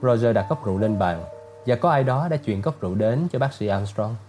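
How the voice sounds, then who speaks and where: A male narrator reading an audiobook in a steady, even storytelling voice. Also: on the low side, brisk, soft background music.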